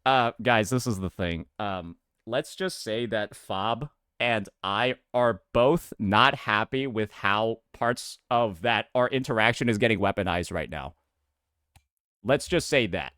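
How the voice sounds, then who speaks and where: A man livestreaming and chatting casually with his viewers, slangy and animated, swearing often and saying "bro" a lot. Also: on the low side, a little slow, smooth, no room sound, studio quality. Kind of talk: casual stream commentary.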